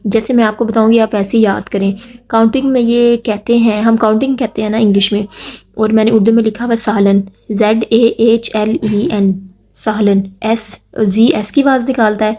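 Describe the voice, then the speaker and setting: A woman's voice: on the high side, steady tone, warm tone. A woman giving a casual spoken lesson, spelling words out letter by letter and asking listeners to repeat after her. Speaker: language teacher.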